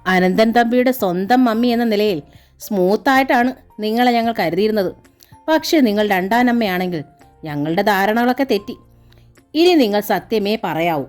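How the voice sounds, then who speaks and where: A woman's voice: mid-range voice, natural voice. A woman voicing a stern police officer who interrogates and threatens a suspect, read from a novel. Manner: interrogating, menacing.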